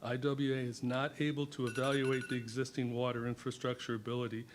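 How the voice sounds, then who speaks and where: Man, flat delivery, reading remarks, faint background noise. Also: mid-range voice, brisk. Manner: reads prepared remarks with fillers. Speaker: resident and water utility president at public comment. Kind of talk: public testimony at a meeting.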